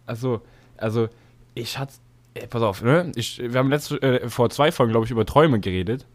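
A young man co-hosting a casual podcast, telling stories in a slangy, animated way with many fillers. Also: medium pitch, fairly quick. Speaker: podcast co-host. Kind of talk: casual chat.

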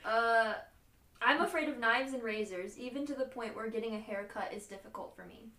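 A woman's voice: a little high, fairly quick, sharp tone. A woman on a podcast panel, talking in casual banter. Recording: echoey, distant mic, group chatter behind.

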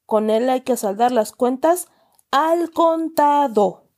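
A woman voicing a stern, pompous middle-aged uncle who loudly lectures children with exaggerated indignation. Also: high-pitched, expressive, normal speed, pitched above the performer's own voice. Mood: scolding. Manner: loud, scolding, exaggerated indignation.

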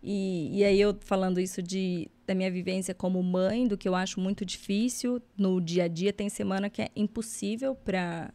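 A Brazilian woman in her thirties, hosting a casual podcast chat in a joking, self-mocking way with quick bursts of talk. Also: medium pitch, fairly even intonation, warm tone. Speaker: podcast host.

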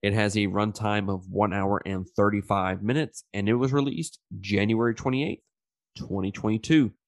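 A podcast host with a lowish, congested voice sounds like he's pinching his nose, his sinuses blocked by an infection. He reviews movies casually with loose slang and swearing, speaking at normal speed in a steady tone. The audio is close and dry, with no room sound.

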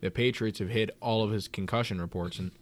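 A man co-hosting a casual chat in a relaxed way. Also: on the low side, brisk, a little hiss or hum.

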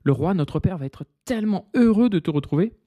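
A man voicing a calm, peaceable young prince in a storybook reading. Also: high voice, fairly quick, slightly rough, no room sound, muffled recording, voice pushed up. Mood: firm.

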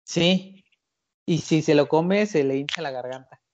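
Mexican man, podcast host, relaxed chatty delivery, slightly raised pitch. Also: unhurried, slight background noise. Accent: Mexican Spanish. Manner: chatty, hesitant fillers, laughs often. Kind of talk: casual chat. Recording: lo-fi recording.

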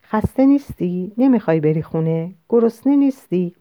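A woman voicing a weary young husband who asks gentle, coaxing questions. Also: on the low side, animated, dry recording, close to an everyday voice. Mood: caring. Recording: dull lo-fi dry recording.

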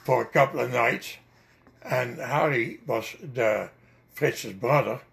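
A man's voice: mid-range voice, slow, creaky, a bit bright. An older man with a Dutch accent, telling long rambling stories with many hesitations in an oral history interview. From Netherlands.

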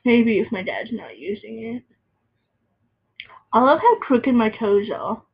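A woman's voice: fairly high pitch, a little slow, gravelly, slightly rough. A young woman rambling and teasing a friend in casual chat at home, on a dull lo-fi recording. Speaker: vlogger.

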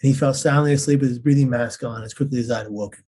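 Fast-talking man with a husky voice. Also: medium pitch, fairly even intonation, dark tone. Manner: earnest and intense, acts out quoted voices. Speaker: interview guest. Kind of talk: personal storytelling.

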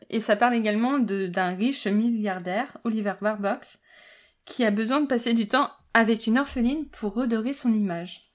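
A woman hosting a casual podcast chat, often tripping over words, correcting herself and laughing. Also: medium pitch. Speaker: podcast host.

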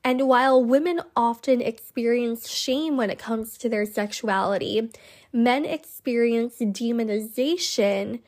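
A woman hosting a solo self-help podcast in a measured, emphatic way, her voice nasal and slightly congested from a cold. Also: fairly high pitch, darkish tone. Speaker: podcast host.

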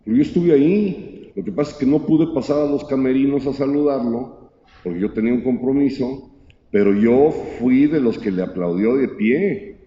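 A man's voice: mid-range voice, normal speed, dark tone, voice pushed up, close to an everyday voice. A man voicing an eager, insistent member of a literary gathering who admires a singer. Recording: dull echoey hall recording.

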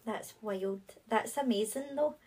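A woman's voice: on the high side, unhurried, darkish tone, slightly rough, rough recording. A woman hosting a podcast, talking in a friendly, casual way with lots of short agreeing replies. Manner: friendly, with many short back-channel replies. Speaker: podcast host.

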